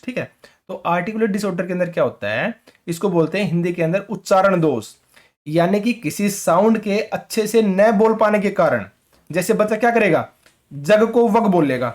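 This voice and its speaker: A man teaching an exam-prep lecture in colloquial Hindi with a rural North Indian accent, mixing in English terms and often checking in with "ठीक है?". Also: sits high. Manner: conversational, keeps asking "ठीक है?".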